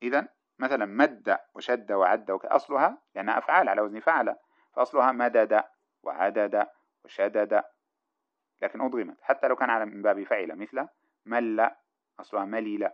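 Male teacher, quick explanatory lecture delivery, muffled old recording. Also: on the low side. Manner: brisk, explanatory, reads and comments on the text. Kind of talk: classroom lecture explaining a grammar text. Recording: dull lo-fi recording.

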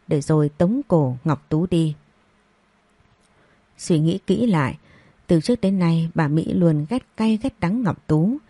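A woman reading a scripted audio story as narrator, in a steady storytelling manner. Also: low-pitched, dry recording.

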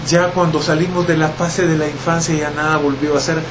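A middle-aged man from El Salvador, answering interview questions in a reflective, relaxed way with many pauses and fillers. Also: a little high, background noise.

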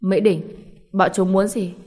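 A woman's voice: medium pitch, flat delivery, measured pace, a little mellow, close to an everyday voice. A woman voicing a doting, anxious middle-aged father who talks in an urgent, reassuring way.

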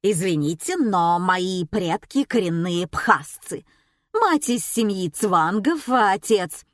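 A woman's voice: fairly low pitch, animated, slow pace, no room sound, studio quality. A woman voicing a courteous, formal male restaurant manager trying to keep his composure. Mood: polite.

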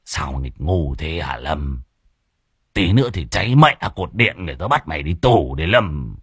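A man's voice: very deep voice, sing-song, normal speed, slightly rough, dry recording, pitched below the performer's own voice, full character voice. Bellowing, flustered ghost-hunter master, done by a male narrator, folk audio tale, dry sound. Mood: whining. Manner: shouting, flustered, repeats himself. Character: excitable older male ghost-hunting master.

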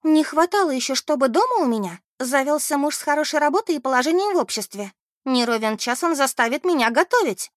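A woman's voice: sits high, lively intonation, fast, no room sound, clean studio sound, pitched above the performer's own voice. A woman voicing a small, plump, dramatic woman of thirty-eight who tells news breathlessly. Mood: scornful. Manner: breathless, theatrical.

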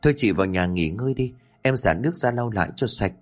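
A man's voice: on the low side, lively intonation, fast talker, faint music behind. Guy playing a nervous young maid mumbling excuses, audiobook story. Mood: flustered. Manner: mumbling, flustered. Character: young flustered housemaid.

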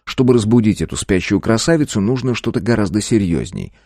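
A man with a very low voice narrates a first-person story and acts out his own lines of dialogue. His intonation rises and falls widely, and the sound is dry and close with no room echo. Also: brisk. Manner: expressive reading with acted dialogue. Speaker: audiobook narrator.

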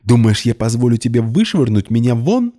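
A man voicing a spoiled, scheming young woman who talks in a shrill, shrieking way. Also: big pitch swings, moderate pace, warm tone. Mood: screeching. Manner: shrill, shrieking, mock-hurt.

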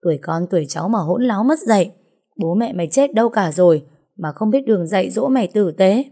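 A woman's voice: mid-range voice, animated, brisk, warm tone, husky. A woman narrator voicing a furious, heavyset middle-aged wife who hurls insults in an audiobook story. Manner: screeching insults, theatrical wailing.

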